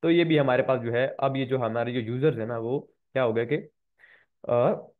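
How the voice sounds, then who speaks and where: A man's voice: medium pitch, moderate pace. A man with a slightly sore throat teaching a programming lecture, walking students through code step by step and repeating key points. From Pakistan. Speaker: programming instructor. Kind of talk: screen-recorded coding lecture. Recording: tinny phone-like recording.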